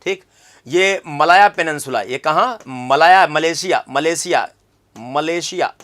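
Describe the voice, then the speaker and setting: A man's voice: a little high, a little slow, fairly bright tone. A man teaching an exam-prep geography lesson, repeating key terms and quizzing the viewer with questions.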